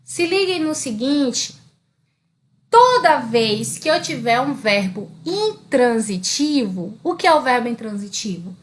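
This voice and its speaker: A woman's voice: fairly high pitch, sing-song, takes it slowly. A woman with a Brazilian Portuguese accent teaching an online grammar lesson. She asks questions and answers them herself, often checking in with her students. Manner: keeps checking in with "beleza?" and "tá?".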